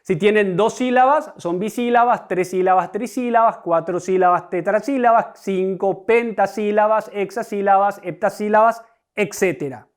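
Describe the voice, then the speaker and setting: Una persona docente que da una clase de gramática grabada para escolares, con tono deliberado y explicativo, repitiendo los conceptos clave y dirigiéndose a los alumnos. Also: mid-range voice. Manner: deliberate, explanatory, repeats key concepts; addresses students directly. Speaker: teacher. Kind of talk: recorded online grammar lesson.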